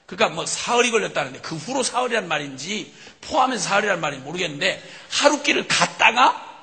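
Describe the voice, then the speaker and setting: Male preacher, bright forceful voice, animated storytelling, echoing church hall. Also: high-pitched, fast. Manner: animated storytelling, acting out scenes, chuckling. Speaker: missionary preacher. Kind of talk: sermon. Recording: long hall reverb.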